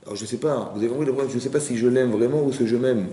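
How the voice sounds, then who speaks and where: A man, a rabbi teaching a Torah class to an audience, animated, asking questions and acting out little everyday scenes. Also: medium pitch, racing. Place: community center hall. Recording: echoey hall with faint noise.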